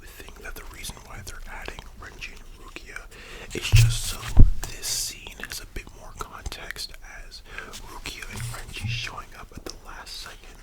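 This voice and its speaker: A person speaking in a soft, breathy whisper, musing casually like an ASMR host in a discussion video. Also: normal speed, rough recording.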